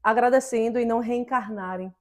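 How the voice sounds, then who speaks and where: A woman co-hosts an opinion talk show with a fairly high voice. She argues emphatically and with indignation, stacking up rhetorical questions to drive her points home. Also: brisk. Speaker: podcast co-host.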